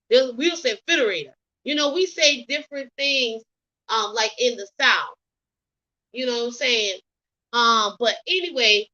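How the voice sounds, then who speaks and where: A woman's voice: a little high, pushed and bright, dull audio. A woman from the US South with a Geechee accent, rambling through opinionated celebrity gossip commentary with lots of ums and you knows. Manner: opinionated, rambling, many fillers like um and you know. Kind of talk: casual commentary vlog.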